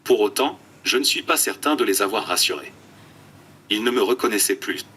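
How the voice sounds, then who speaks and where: A man's synthetic text-to-speech voice giving prepared interview answers in an even, robotic, scripted way. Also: fairly low pitch, moderate pace, breathy edge, distant mic. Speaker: interview guest.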